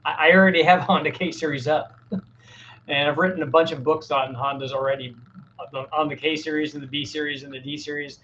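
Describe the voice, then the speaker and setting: A man's voice: a little high, fairly even intonation, a little fast, fairly bright tone, highs cut off, a little hiss or hum. A middle-aged man hosting a casual live Q&A, answering viewers' technical questions in a plain-spoken way, often restarting his sentences. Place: home workshop with a fan running.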